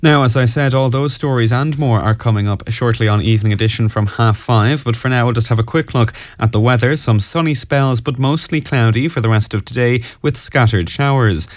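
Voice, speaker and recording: A man's voice: medium pitch, normal speed, few pauses, no room sound. A man with an Irish accent reading scripted news and weather as a radio presenter.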